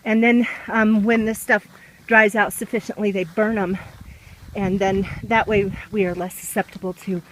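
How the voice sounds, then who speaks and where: A woman's voice: medium pitch, steady tone, normal speed, slight background noise, poor audio. A woman vlogging casually outdoors on a handheld camera, talking while walking through a trail race. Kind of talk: casual vlog chat.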